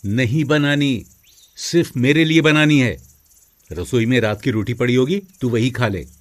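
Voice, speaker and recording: A man voicing an arrogant, bullying elder brother, scolding and commanding, in an animated moral story. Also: medium pitch, unhurried, natural voice. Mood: bossy.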